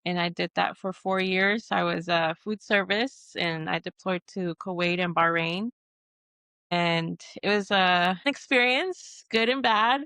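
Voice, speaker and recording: Low, smooth-voiced woman from Texas. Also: fairly even intonation, measured pace, bright, forceful tone, no room sound. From Texas, USA. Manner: earnest, with frequent restarts and fillers. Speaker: guest, Marine veteran. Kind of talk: conversational interview answers.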